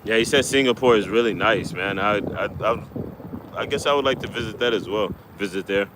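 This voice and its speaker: A man's voice: fairly low pitch, brisk. A man chatting casually on a live stream while fishing outdoors, rambling with lots of fillers and restarts. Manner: rambling, laid-back, many fillers and restarts. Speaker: livestreaming angler. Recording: wind noise on the mic outdoors.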